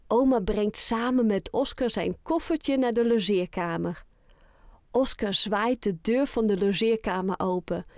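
A woman narrating a children's audiobook in a clear, gentle storytelling manner. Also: medium pitch, dry recording, clean studio sound.

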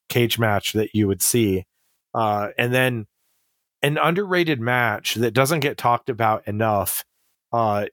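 A man's voice: mid-range voice, a bit bright, no echo, clean studio sound. A middle-aged man telling stories in a casual, rambling way, full of fillers and restarts. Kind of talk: casual conversational storytelling.

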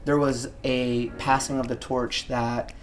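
A man's voice: medium pitch, flat delivery, measured pace. A man in his thirties from Hawaii, a gym owner talking casually and reflectively as an interview guest, with many ums and likes. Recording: music bed under voice.

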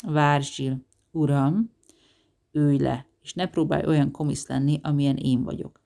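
A reader voicing a gruff, sardonic older man who lectures with dry sarcasm in an audiobook. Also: mid-range voice, fairly even intonation, mellow, natural voice. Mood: lecturing.

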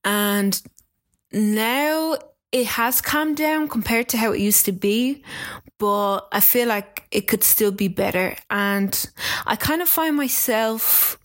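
A woman's voice: on the high side, takes it slowly. A woman in her twenties with an Irish accent, a podcast guest chatting casually, laughing often and acting out the people she quotes. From Democratic Republic of Congo, raised in Ireland. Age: 20s. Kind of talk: casual interview chat.

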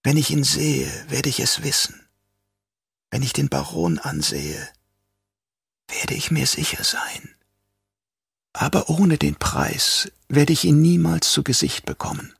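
Man voicing a crazed old traitor doctor, whispery, drawn-out, gravelly, husky, slightly raised pitch, audiobook. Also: big pitch swings, a bit bright, no room sound, clean studio sound, faint music behind, heavily acted. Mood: sly menace. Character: old male traitor doctor, mad, sly, soft-spoken.

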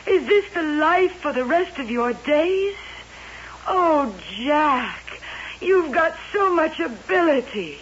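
Solemn, slow-spoken mystical princess. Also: female voice, high-pitched, expressive. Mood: urging. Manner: solemn, portentous, deliberate. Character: mystical wax fortune-teller princess come alive, commanding, seductive. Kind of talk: old-time radio drama acting. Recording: hissy, muffled old radio recording.

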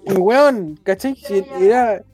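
Chilean dude rambling thru a crude story, slangy, fillers everywhere, faint music behind. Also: male voice, high voice, slow pace, a little mellow. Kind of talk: casual chat.

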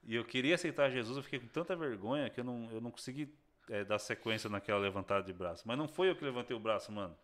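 A young man with a medium-pitched voice fires off his conversion story rapidly as a guest in a relaxed chat. Animated and slangy, he brings the people in the story to life by acting out their voices.

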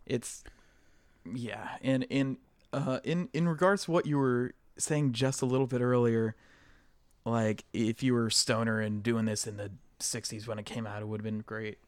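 A man's voice: medium pitch, fairly even intonation, moderate pace, clear, resonant tone, dry recording. A man co-hosting a podcast in casual, conversational chat. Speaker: podcast co-host.

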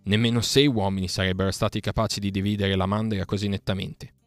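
Low-voiced male storybook narrator. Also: fairly even intonation, quick pace, no room sound, faint music behind.

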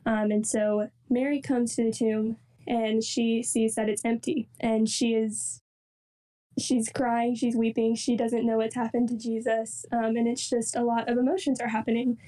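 A young woman, a campus ministry coordinator, giving an earnest, unhurried devotional reflection with soft fillers. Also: on the high side, level tone, far from the mic, poor audio.

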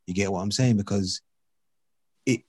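A man's voice: lowish voice, moderate pace, a little mellow, dry recording, clean studio sound. A man with an urban London accent, talking casually in slang-heavy roadman style as a discussion host. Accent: London, urban street. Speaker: podcast host.

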